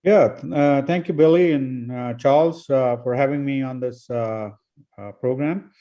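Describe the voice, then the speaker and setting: A man's voice: medium pitch, measured pace, mellow. Older man on a dull lo-fi call. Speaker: CEO and panelist. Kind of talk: panel talk over video call. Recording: dull lo-fi audio.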